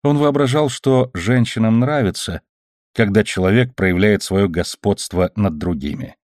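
Man reading a novel aloud, lowish voice, dry close sound. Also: a little slow, a little mellow, no echo. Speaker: audiobook narrator. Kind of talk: audiobook narration.

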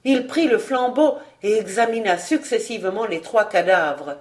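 A volunteer reader narrating a classic novel as an audiobook in a steady, expressive way. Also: medium pitch, normal speed.

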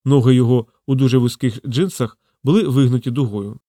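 A man's voice: mid-range voice, fairly quick, dark tone, no room sound. Man reading an audiobook, dry sound. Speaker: narrator. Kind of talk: audiobook narration.

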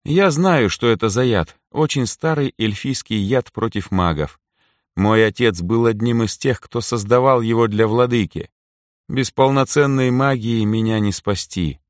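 A dying elf woman, as a male audiobook reader puts her on, speaking slowly and faintly, softer than the narration. Her voice is weak and tender, in a dry, close recording. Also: mid-range voice, no echo, voice pushed up, lightly acted. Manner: weak, slow, soft. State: weak, whispering.

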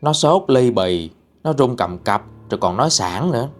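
A man's voice: mid-range voice, expressive, moderate pace. Southern vietnamese guy telling a ghost story, casual and chatty, faint music behind. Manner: chatty, addresses listeners directly.

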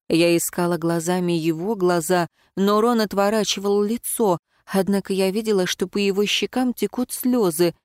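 A woman reading first-person fiction aloud in an expressive, emotional way. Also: medium pitch, no echo, studio quality. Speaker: audiobook narrator.

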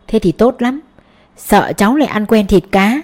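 A woman voicing a genial, talkative middle-aged male schoolteacher in a storybook reading, her own mellow voice pitched up a little. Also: lively intonation, moderate pace, natural voice.

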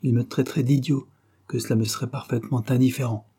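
A man voicing a big, brash young man who talks bluntly and provokes others with mocking calm. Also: medium pitch, quick pace, slightly rough. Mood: defiant.

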